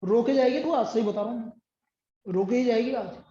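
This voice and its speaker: A male math tutor with a very high-pitched voice, stern and biting as he scolds a student. He is recorded in an echoey classroom on dull, muffled audio. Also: fairly quick, warm tone. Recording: echoey room, dull sound.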